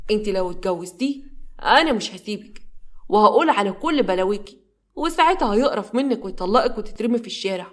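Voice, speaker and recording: A woman's voice: medium pitch, close to an everyday voice. A woman doing a scheming Egyptian con-man husband. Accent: Egyptian Arabic. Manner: threatening and manipulative.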